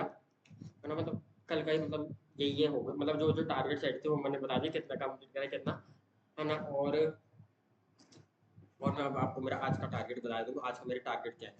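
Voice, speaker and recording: A young man, a student, chatting casually in a daily study vlog, rambling with many fillers and tag questions and saying he talks fast. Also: on the high side. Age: young adult. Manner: says he talks fast, in one breath. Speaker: exam student vlogger. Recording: echoey room, dull sound, noisy background.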